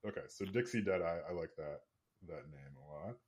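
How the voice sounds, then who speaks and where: A man talking casually as a game master, thinking out loud on a podcast. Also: low-pitched, animated, brisk, breathy edge.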